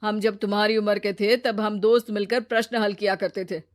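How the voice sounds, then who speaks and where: Woman voicing a calm sensible brother-in-law guy, mid pitch, patient and a bit preachy, cartoon. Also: fairly quick, close to an everyday voice. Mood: gently lecturing. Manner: patient, gently lecturing.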